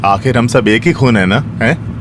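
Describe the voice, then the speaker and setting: With a natural, medium-pitched voice at a normal pace, a man performs dubbed film acting as a cheerful middle-aged lead who teases his family while heading out. Background noise and loud music from the film soundtrack are present.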